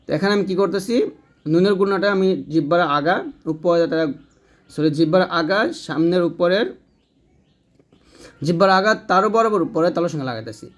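A man's voice: sits high, fairly quick, long pauses. A man teaching Quran reading step by step, patiently repeating and demonstrating letter sounds. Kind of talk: step-by-step lesson.

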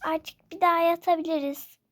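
A girl voicing a gentle young mother who comforts her child again and again in a game role-play. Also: very high voice, fairly even intonation, normal speed. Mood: soothing. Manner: reassuring, repetitive comforting. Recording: noisy home recording.

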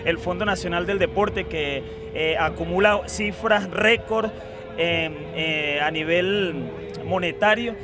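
A man in his thirties, a sports organizer, interviewed at an outdoor march, halting with many fillers. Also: high voice. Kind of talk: street interview. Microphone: handheld reporter mic. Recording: music loud behind.

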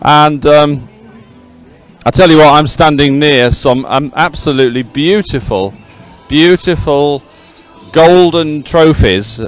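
A middle-aged man with a voice on the high side presents live outdoors by a regatta podium, speaking slowly into a handheld microphone over soft background music. He's chatty and rambling, often repeating himself as he fills time at the sports event.

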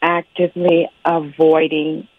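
A woman's voice: low voice, completely flat delivery, unhurried, no room sound. A woman speaking frankly and with some exasperation, heard over a speakerphone line on a radio show. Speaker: caller, nurse at a pediatrician's office. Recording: tinny phone line on radio.

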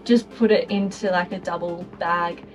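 With a lowish voice and fairly even intonation, a young Australian vlogger chats at a moderate pace while touring her caravan. The talk is upbeat and casual, peppered with ums and likes, and faint music plays beneath it.

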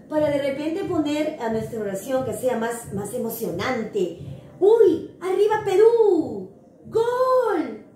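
High-voiced teacher coaxing pupils. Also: female voice. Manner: animated, coaxing, talks directly to young pupils. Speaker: primary school teacher. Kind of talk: remote grammar lesson for children. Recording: echoey room, faint noise.

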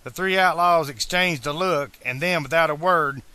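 A man reading a novel aloud as a fan audiobook narrator, in a slow, deliberate way. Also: fairly high pitch, sharp tone, clear, resonant tone, no room sound.

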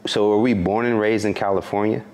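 Deep-voiced male interview host. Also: fairly quick. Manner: relaxed, builds up questions with "like" and "um". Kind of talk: casual interview questions.

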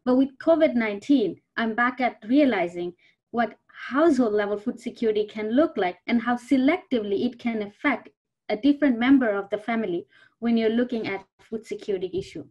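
A woman in her thirties from Bangladesh talks on an online panel in a fairly high voice. She tells a personal story with earnest weight. Her voice comes through a video call. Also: fairly quick, highs cut off. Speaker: panelist, food security researcher. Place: indoors before a virtual backdrop.

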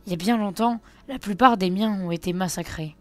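A grave young survivor of a massacred clan, the last of a proud line, read aloud by a woman streamer. The lines come in a plain, mid-pitched voice with little acting. Faint game music plays underneath. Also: fairly quick, lightly acted.

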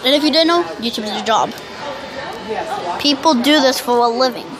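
This YouTuber is a youngster with a high voice and a speech impediment: he can't say R's correctly and uses a w sound instead. He rambles loudly, calling himself a loud talker, through casual gameplay commentary at a normal speed, with crowd noise behind him.

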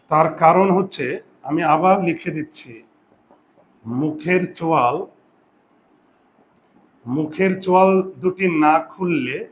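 A male teacher giving a classroom lesson, quizzing his students and drawing out sounds slowly. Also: on the high side, slight background noise.

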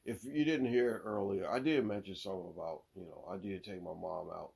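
A man's voice: low voice, a little fast, gravelly, slightly rough. A man hosting a sports podcast, telling corny jokes in a casual way and laughing at his own punchlines. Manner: lively, swings between loud and mumbled. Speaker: podcast host.

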